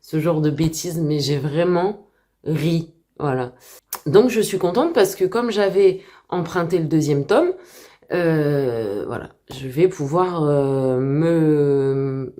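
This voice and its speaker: A woman chatting casually to camera as a book vlogger at home, hesitant and full of filler pauses. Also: sits low, animated, dark tone.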